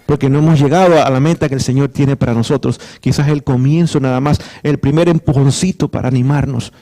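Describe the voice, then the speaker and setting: Mellow-voiced pastor preaching a sermon. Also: male voice, mid-range voice, fairly even intonation, fairly quick. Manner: earnest, repeats phrases, restarts words.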